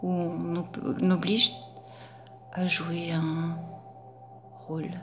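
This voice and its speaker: A woman guiding a hypnosis session, speaking softly in a drawn-out half-whisper. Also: fairly low pitch, completely flat delivery, highs cut off, faint music behind.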